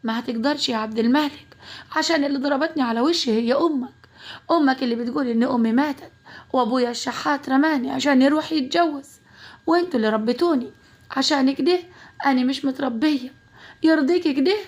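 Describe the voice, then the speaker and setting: A proud young orphan woman answers back with quick, defensive retorts in a spoken family story, as a woman storyteller plays her. Her speech rides high in pitch. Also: lightly acted.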